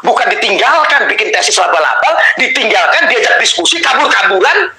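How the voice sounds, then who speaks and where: A man from Java, a religious activist making an emotional public appeal, pleading and at times shouting. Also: high-pitched, very animated, a little fast, low-quality recording.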